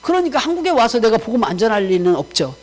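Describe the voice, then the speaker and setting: A woman missionary giving a personal testimony to a congregation in a warm, conversational way, mixing casual and polite speech and acting out remembered conversations. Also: on the high side, fast, low-quality recording. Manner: animated storytelling, acting out remembered dialogue.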